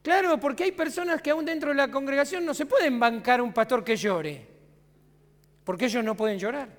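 Speaking a little fast, a man with a very high, somewhat bright voice preaches in a large church hall. He has a Rioplatense Argentine accent, and his conversational sermon is full of rhetorical questions for the congregation.

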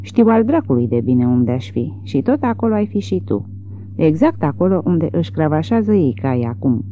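A reader voicing a huge, enraged grown son who shouts in indignant bluster, on tinny phone-like audio. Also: medium pitch, sing-song, a little hiss or hum, natural voice.

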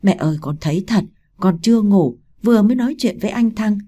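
A woman's voice: medium pitch, lively intonation, fairly quick, dark tone, breathy edge. A woman voicing a terrified young daughter-in-law who pleads in a panicked way. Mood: pleading.

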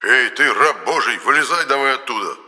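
A man's voice: low-pitched, fairly even intonation, brisk, sharp tone, long reverb tail. A man voicing a blunt, crude male ghost skeleton in an audiobook. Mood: gruff. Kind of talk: audiobook character voice.

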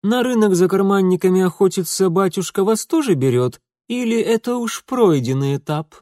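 A smug young gentleman, played by a male reader, teases in a high, drawling voice. The storybook reading is close and dry. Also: animated, normal speed, dry recording. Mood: mocking. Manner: mocking, drawling.

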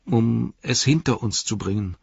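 A man reading an audiobook and voicing a weary, gentle male hobbit hero who speaks quietly, earnestly and broodingly. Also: medium pitch, expressive, measured pace, vocal fry, husky, dry recording, muffled recording, voice pushed up, full character voice. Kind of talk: audiobook character voice.

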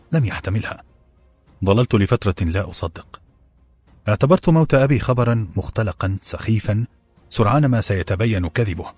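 A man narrating an audiobook in a measured, grave storytelling manner. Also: fairly low pitch, darkish tone, slightly rough, no room sound. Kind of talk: scripted narration.

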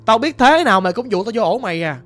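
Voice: medium pitch, animated, very fast, fairly bright tone, close to an everyday voice. A bold, blunt spirit master with a mocking edge, as a storyteller puts him on, speaking. He talks in plain, confident bursts. Faint music runs behind him. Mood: commanding.

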